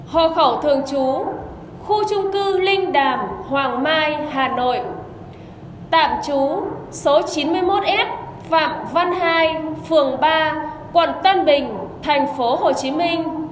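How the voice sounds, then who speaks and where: A woman reading a formal, measured official announcement as a commune radio announcer over a public loudspeaker. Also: very high-pitched. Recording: echoey loudspeaker, long reverb, background noise.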